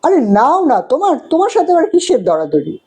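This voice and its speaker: A woman's voice: sits high, huge pitch swings, quick pace, a little mellow, voice pushed up, exaggerated voice. A woman voicing a chatty middle-aged fish seller who keeps coaxing her customer to buy more. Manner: coaxing, persuasive bargaining.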